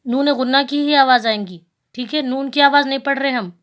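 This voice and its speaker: A woman with a Hyderabadi Urdu accent teaching young children to read, patiently asking questions, repeating herself and spelling out letter sounds slowly. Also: sits high, a bit bright. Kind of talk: children's Urdu reading lesson.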